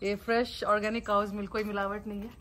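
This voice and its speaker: A woman's voice: medium pitch, little pitch movement, quick pace, crowd noise. A young woman from India, chatting to viewers in a casual home vlog while filming around her family's house and kitchen. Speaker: family vlogger.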